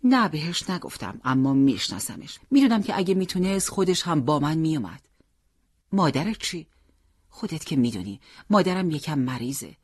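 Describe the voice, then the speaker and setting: A reader voicing a calm and determined teenage boy who speaks gently and earnestly. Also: medium pitch, breathy edge, no room sound, studio quality.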